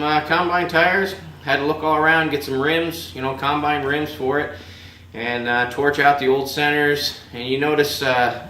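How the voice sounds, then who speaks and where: A laid-back man talks a viewer around a project, his voice worn hoarse from a cold. His delivery rambles along with plenty of "uh" and "you know". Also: on the high side, sharp tone, a little hiss or hum. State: has a cold, voice going hoarse. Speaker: vlogger. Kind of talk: casual walkaround vlog.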